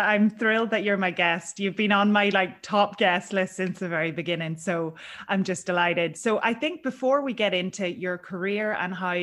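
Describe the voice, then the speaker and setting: Irish woman hosting a podcast, medium pitch. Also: fairly bright tone. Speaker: podcast host. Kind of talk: scripted introduction, then casual interview.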